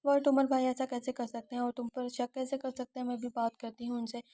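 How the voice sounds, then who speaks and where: A woman's voice: on the high side, level tone, a little fast, mellow, lightly acted. A woman voicing a caring young woman who worries for her friend, in an audio novel. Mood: concerned. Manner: concerned, questioning.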